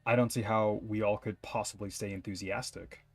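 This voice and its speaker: A man's voice: fairly low pitch, steady tone, moderate pace. A young man streaming a game, reading its dialogue aloud and adding wry, casual asides with the odd swear word. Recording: faint game music behind.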